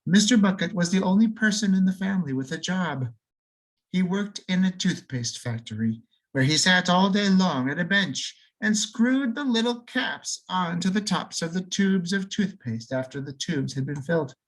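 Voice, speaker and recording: A man reads a children's storybook aloud as an audiobook narrator, slowing down and lingering on key words for effect. He lets his pitch and loudness swing freely to add emphasis, giving an expressive performance.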